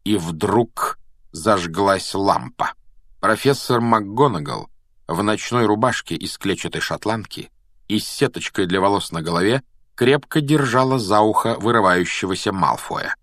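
A man narrating a children's storybook in a measured, expressive reading voice. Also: fairly low pitch, no echo, clean studio sound. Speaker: audiobook reader.

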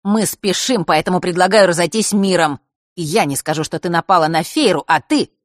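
A woman's voice: on the low side, fairly quick, no room sound, studio quality, close to an everyday voice. Woman doing a curt, defiant teenage boy. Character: proud, hot-tempered teenage boy.

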